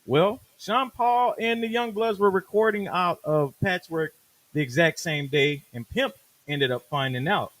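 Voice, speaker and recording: A man's voice: high voice, unhurried. A man hosting a music show, telling a story in a casual way and acting out the voices of the people in it. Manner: animated, acts out quoted voices. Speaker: host. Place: radio studio.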